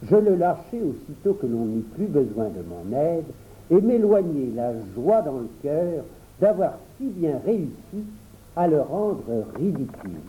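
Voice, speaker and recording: Male audiobook narrator, unhurried, warm-dark tone, animated intonation. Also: fairly high pitch, a little hiss or hum, low-quality recording. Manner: expressive storytelling. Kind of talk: audiobook reading of a children's story.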